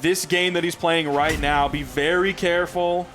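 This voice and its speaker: A high-voiced male esports caster comments on a fighting game. His delivery is casual and excitable, and faint music plays behind him. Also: moderate pace.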